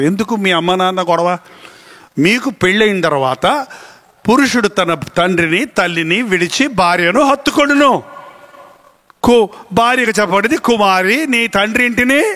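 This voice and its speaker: High, bright-voiced male preacher. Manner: animated preaching, acts out voices of family members. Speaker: pastor. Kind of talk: sermon.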